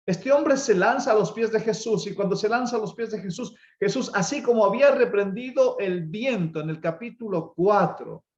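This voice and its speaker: A man preaching an evangelistic sermon, his voice pitched a little high. He swings from loud, urgent calls down to hushed, slowed passages. The sound is roomy and slightly dull, as in a church hall. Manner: impassioned preaching with dramatic swings of pitch and loudness. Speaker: pastor.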